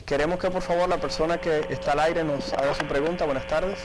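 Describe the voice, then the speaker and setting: A man's voice: fairly high pitch, steady tone, fairly quick, background noise. A man hosting a radio call-in health show, politely putting listener questions to a doctor. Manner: polite, apologetic about line problems. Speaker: radio talk show host.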